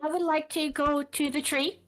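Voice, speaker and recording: A woman's voice: high-pitched, little pitch movement, normal speed, fairly bright tone. A woman playing in a tabletop game, polite and hesitant, with many fillers. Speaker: player. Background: faint background music.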